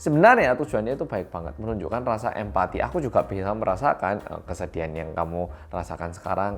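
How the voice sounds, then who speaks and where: A Korean man with a Korean accent, hosting a casual advice talk in Indonesian and acting out small dialogues in a softer voice. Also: on the low side. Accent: Korean, with Javanese-flavored Indonesian. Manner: acts out little dialogues, drops to soft quiet voice when quoting. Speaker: YouTube host.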